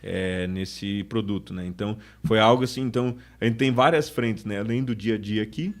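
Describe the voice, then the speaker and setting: A man's voice: on the low side, moderate pace. A man, a sales manager talking casually in a podcast interview, often restarting his sentences. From Brazil. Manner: chatty, restarts sentences often, acts out customer quotes.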